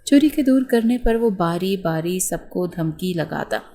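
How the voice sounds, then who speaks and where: A woman's voice: fairly low pitch, animated, measured pace, warm tone. A woman narrating a romance novel and reading every part herself in much the same voice. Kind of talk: scripted narration of a romance novel with acted dialogue.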